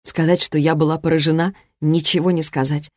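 A woman reading a first-person romantic fantasy novel aloud, expressive, lifting her voice for the heroine's lines. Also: low-pitched, brisk, dry recording, studio quality. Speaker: audiobook narrator. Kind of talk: first-person fiction narration.

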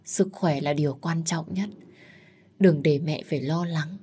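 A woman's voice: sits low, measured pace, dark tone, husky. A woman voicing a tired, grieving older mother who speaks firmly to her daughters. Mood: weary, firm. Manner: tired, firm, motherly scolding. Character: weary grieving widowed village mother.

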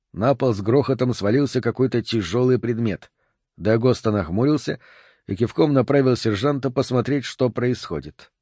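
A man's voice: medium pitch, darkish tone, no room sound. Male audiobook narrator, dry close sound.

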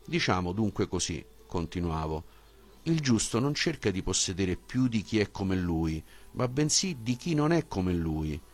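A man reading a philosophical dialogue as an audiobook, with a measured, questioning delivery. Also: sits low, sing-song. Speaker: audiobook reader.

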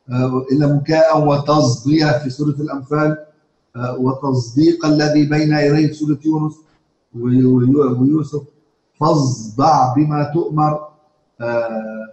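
A man with an Egyptian Arabic accent teaching a live class on Quran readings. He explains in casual speech, stops often on filler sounds, and chants quoted verses slowly. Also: a little high, a little mellow, echoey room, poor audio. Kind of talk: live lesson to students.

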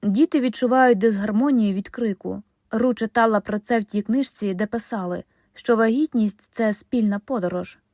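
A woman narrating an audiobook in a wry, lively storytelling manner on a close studio mic. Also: a little high, normal speed, dry recording. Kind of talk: scripted narration.

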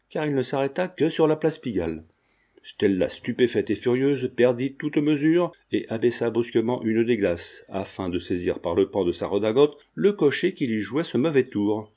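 A man reading a classic novel aloud as an audiobook narrator, with steady storytelling delivery. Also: medium pitch, moderate pace.

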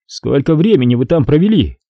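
A man reading an audiobook, voicing a tall male police officer who questions a suspect in an even, expressionless tone. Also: fairly high pitch, a little fast, no echo, pitched above the performer's own voice. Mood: cold. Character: tall, flat-voiced male police interrogator.

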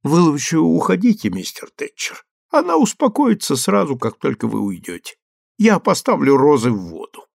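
Male narrator voicing an older spinster nurse; curt, unruffled, gravelly. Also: fairly high pitch, moderate pace, dry recording, clean studio sound, pitched above the performer's own voice, exaggerated voice. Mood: calm. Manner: calm, curt.

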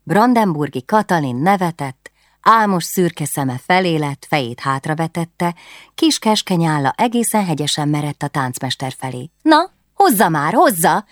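Woman audiobook narrator, lowish voice, calm measured storytelling, dry close sound. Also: no room sound. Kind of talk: scripted narration of a historical novel.

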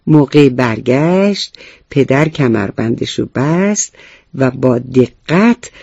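A man's voice: medium pitch, animated, vocal fry, a little mellow, breathy edge, dry recording, lo-fi sound. A man narrating a children's story, explaining things and addressing the young listeners directly.

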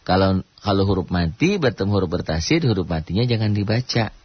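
A man teaching Quran recitation rules on a radio programme, asking himself questions and answering them, and chanting verses slowly to show the rules. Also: low voice, expressive, slightly rough. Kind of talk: radio tajwid lesson. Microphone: studio radio mic. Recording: dull dry radio broadcast.

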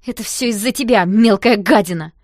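A woman's voice: medium pitch, brisk, darkish tone, no room sound, close to an everyday voice. Woman doing a snappy sulky girl from a story, dry close voice. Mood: spiteful. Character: spiteful redheaded young woman, sulky.

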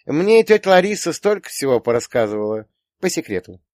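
A man doing a sharp-tongued teenage daughter. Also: a little high, sing-song, dry recording, studio quality, pitched above the performer's own voice. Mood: musing. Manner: bossy, teasing, quick retorts. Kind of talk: audiobook character voice.

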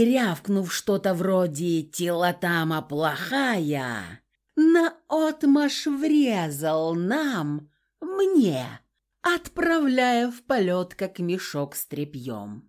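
A woman reading a first-person audiobook narration in an expressive, dramatic way. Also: medium pitch.

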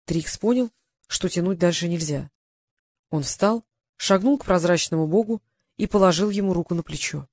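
A storyteller reading a fantasy audiobook at an even, steady pace. The voice sits mid-range and is recorded close and dry. Characters get their own voices in between. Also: medium pitch, normal speed, no room sound. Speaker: audiobook narrator. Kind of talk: scripted fantasy narration.

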